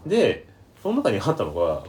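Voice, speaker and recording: Talk host, male, low voice, very animated, quick rambling anecdotes. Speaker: podcast host. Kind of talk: casual chat.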